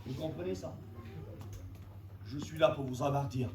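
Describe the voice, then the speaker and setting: High-voiced guy preaching, emphatic, repeats himself, big echoey church room, mic kinda far. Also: normal speed, a crowd in the background. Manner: emphatic, repetitive, shouting at climaxes. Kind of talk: sermon.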